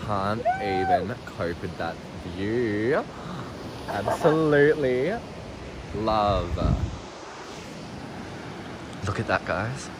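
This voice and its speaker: Gushing low-voiced young man vlogging. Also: takes it slowly. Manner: gushing, excitable, fond of "absolutely". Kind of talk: casual vlog chat. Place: car and outdoor coastal lookout. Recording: loud wind and road noise.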